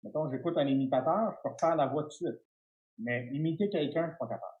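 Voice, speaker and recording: A middle-aged man with a Québécois French accent, a guest telling stories in an interview, animated and stumbling over restarts. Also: a little high, quick pace, phone-quality sound. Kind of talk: storytelling interview.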